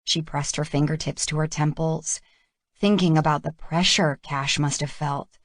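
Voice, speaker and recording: A woman narrating an audiobook romance in a measured, even reading. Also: low voice, no echo, studio quality. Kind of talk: scripted narration.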